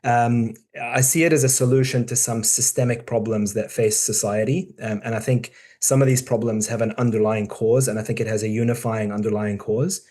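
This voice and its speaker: A man's voice: medium pitch, fairly even intonation, normal speed, hardly any pauses, warm tone. A man in his forties, a surgeon, giving a casual, conversational talk to fellow doctors, with frequent ums and restarts. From born in the UK, raised in Dubai and New Zealand. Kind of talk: casual presentation to peers.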